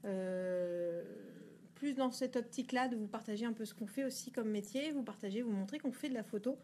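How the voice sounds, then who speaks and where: A woman's voice: a little high, a little fast, mellow, a little hiss or hum. A woman co-hosting a photography blog video, talking frankly and casually with many fillers. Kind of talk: casual chat.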